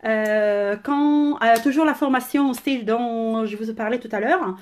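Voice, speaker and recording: A woman with an Italian accent chatting enthusiastically through a casual live-stream unboxing, often pausing on "euh", recorded on a phone camera indoors at home. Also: fairly high pitch, darkish tone. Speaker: crafting product demonstrator.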